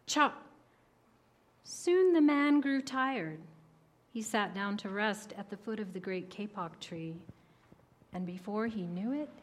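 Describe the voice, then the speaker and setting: A woman narrating a read-aloud storybook in a measured storytelling manner. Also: high voice.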